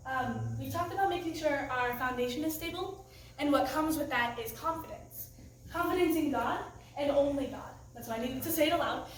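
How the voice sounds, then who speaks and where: Teen girl, high and earnest, emotional youth-group testimony in an echoey room, mic far off. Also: brisk, slight background noise. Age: teens. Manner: earnest, emotional, laughs nervously. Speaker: youth group student speaker. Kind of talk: personal testimony talk.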